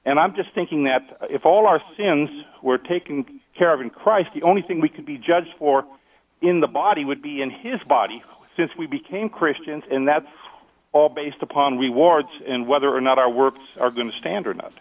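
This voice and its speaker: A man's voice: a little high, moderate pace. A man calling in to a radio show over the phone, speaking hesitantly with many ums and restarts. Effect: phone-line caller on a radio show. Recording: tinny distant phone line.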